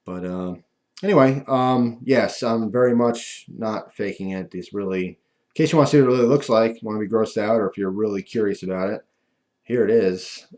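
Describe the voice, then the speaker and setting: A man talking casually and ramblingly to viewers, with a lispy voice from missing front teeth that softens his F and V sounds. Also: fairly low pitch, moderate pace. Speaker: video host.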